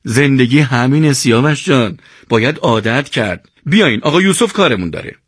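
A man's voice: mid-range voice, animated, slightly rough, no room sound, studio quality. A man voicing a wry, easygoing male soldier who teases his friends. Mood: calm.

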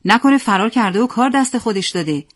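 A woman reading the part of a stern middle-aged dad, anxious, who snaps short orders at his son, a little higher and louder than her plain reading, like in a spoken storybook. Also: expressive. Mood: tense. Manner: curt, commanding. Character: stern worried father, chain-smoking, middle-aged man.

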